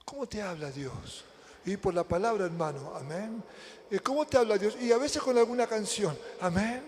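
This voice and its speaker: A man with an Argentine accent preaching a sermon as pastor. He swings between loud emphatic lines and hushed near-whispers, and asks many rhetorical questions. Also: high-pitched, lively intonation, normal speed, slight background noise. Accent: Argentine Spanish. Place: church hall. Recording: reverberant church hall.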